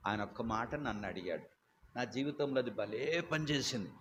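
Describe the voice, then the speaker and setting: Older male preacher, loud and emphatic storyteller, slight hiss behind. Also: medium pitch, animated, normal speed. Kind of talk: sermon. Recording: dull lo-fi recording with faint hiss.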